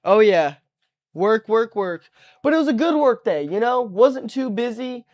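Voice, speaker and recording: A young man with a very high-pitched voice chats casually about his work day on a live stream, speaking at a measured pace. He sounds relaxed and easygoing and trails off mid-sentence. There is no echo.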